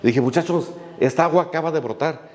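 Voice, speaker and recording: A man's voice: a little high, quick pace, a little mellow, in a large hall. A male pastor, preaching a sermon in a folksy way, with many fillers and little jokes as he tells a story.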